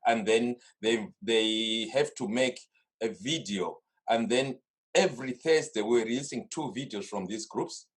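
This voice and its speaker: A middle-aged man with a Zimbabwean accent, a carnival organiser, speaks unhurriedly in a mid-range voice during a long, casual video-call interview. He sits at his home studio desk and tells rambling stories, often restarting.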